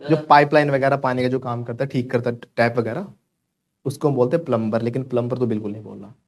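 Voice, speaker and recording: A man's voice: mid-range voice, darkish tone. A man with an Indian accent teaching a live spoken English class, joking playfully and repeating words over and over as drills.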